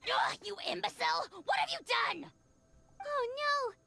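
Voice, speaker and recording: A woman's voice: very high-pitched, lively intonation, measured pace, creaky, noisy background, full character voice. An actress playing a haughty, fiery young female fighter in a video game, brash, scornful and exclamatory. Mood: scornful outrage. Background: loud game music.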